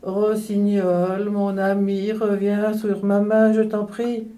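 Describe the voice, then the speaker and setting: A woman voicing a poor, grumpy peasant man who grumbles and shouts. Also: mid-range voice, expressive, a little slow, echoey room, natural voice. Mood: grumbling.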